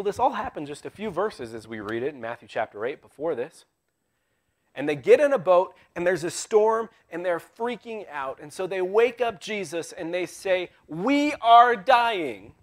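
Male preacher, sermon recorded live in a church; conversational and wry, slightly higher voice, dropping to near hushes for emphasis. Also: animated, moderate pace. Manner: swings from loud emphasis to hushed tones. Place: church sanctuary.

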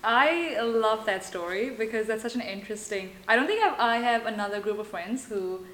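A woman's voice: on the high side, lively intonation, moderate pace, fairly bright tone, reverberant, slight background noise. A young woman from India co-hosting a casual podcast, teasing and playful. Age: young adult. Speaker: podcast co-host, engineering student. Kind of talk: casual chat.

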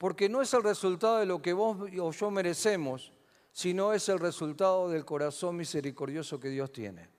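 A man with a Rioplatense Spanish accent preaches a sermon in a high, light voice. He puts questions to his congregation and answers them himself. The hall carries a long reverb around him. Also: moderate pace. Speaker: pastor. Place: church hall.

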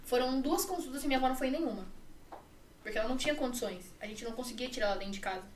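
A woman's voice: fairly high pitch, very fast, echoey room, recorded from a distance, slight background noise. An 18-year-old woman with a Brazilian Portuguese accent, a podcast guest telling a personal story in a run-on way, full of fillers and repeats.

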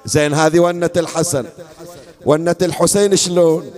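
A man reciting a chanted mourning lament at a gathering, moving between sung verses and quick spoken asides, at times tearful. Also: on the high side, fairly even intonation, a little mellow. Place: mourning hall.

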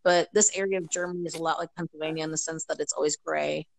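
A woman's voice: sits low, fairly even intonation, fast talker, gravelly, poor audio. A woman from the United States chatting casually as a podcast guest over a video call, rambling with many fillers. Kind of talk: casual chat.

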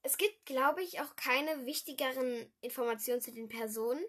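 A teenage girl from Düsseldorf talks on her own casual podcast, her voice pitched high. She rambles and corrects herself, dropping giggly asides. She speaks into a simple home microphone. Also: moderate pace, fairly bright tone. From Düsseldorf, Germany. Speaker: podcast host. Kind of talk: casual solo film-review podcast.

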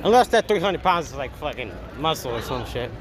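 A man's voice: fairly high pitch, sing-song, brisk. A young man talking like a frat bro, slangy and profane, casually interviewing people on the street. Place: outdoors on a busy urban street. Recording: noisy outdoor street with busy crowd.

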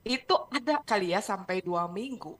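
Middle-aged woman coach on a radio show; animated storyteller who code-switches into English. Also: mid-range voice, normal speed. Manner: lively storytelling, sprinkles English phrases. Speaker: parenting and emotion coach, guest. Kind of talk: radio talk show interview.

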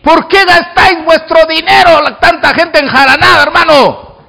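High, gravelly fervent preaching pastor. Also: male voice, normal speed. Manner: fervent preaching, shouting calls then dropping low, jokes with the congregation. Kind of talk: sermon.

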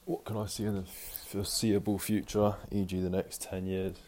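A man with a deep, dark voice and little pitch movement talks at normal speed on his casual solo podcast. He sounds out of breath as he moves about his home, and his rambling is filled with fillers and restarts.

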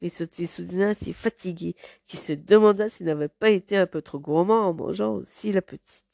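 A woman narrating a fairy tale in an expressive, dramatic read-aloud manner. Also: lowish voice, moderate pace, gravelly, no echo. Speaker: storyteller.

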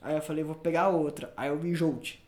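A man's voice: on the high side, fairly quick. A young man with a Brazilian accent hosting a podcast, telling stories in a casual, slangy way and acting out what people said. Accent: Brazilian Portuguese. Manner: animated storyteller, slangy, acts out quotes. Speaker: podcast host. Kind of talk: casual chat. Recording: echoey room.

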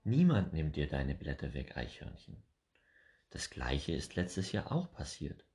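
A man doing a calm, patient blue tit. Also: rumbling low, unhurried, heavily acted. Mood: soothing. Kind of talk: children's storybook reading.

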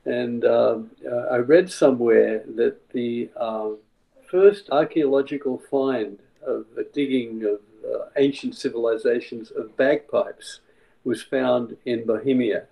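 A man's voice: mid-range voice, fairly even intonation, measured pace, gravelly, warm tone, rough recording. A man from the Czech Republic, a songwriter guest explaining his music in a thoughtful, rambling way. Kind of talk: casual interview.

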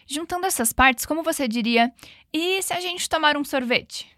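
Higher-pitched woman, slow drilled English. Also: fairly bright tone, no echo, studio quality. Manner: slow, drawn-out English model phrases; encouraging, repeats drills. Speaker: English teacher. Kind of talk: language lesson.

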